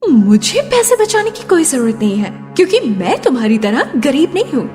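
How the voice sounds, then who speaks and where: A woman voicing a haughty, hot-tempered rich young daughter-in-law in an animated story, brash, boastful and argumentative. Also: sits high, normal speed. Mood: haughty, angry. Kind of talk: Hindi animated moral-story acting. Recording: long reverb, loud background music.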